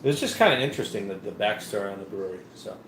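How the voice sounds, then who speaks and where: A man's voice: fairly low pitch, rapid-fire, a bit bright. A man co-hosting a live beer review show, chatting casually and rambling with many fillers and restarts. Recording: echoey room with faint noise.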